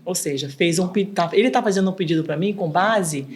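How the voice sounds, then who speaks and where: Animated middle-aged woman, slightly low. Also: fairly quick. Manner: animated, acts out quoted dialogue. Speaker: guest, mediator and author. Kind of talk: casual podcast interview.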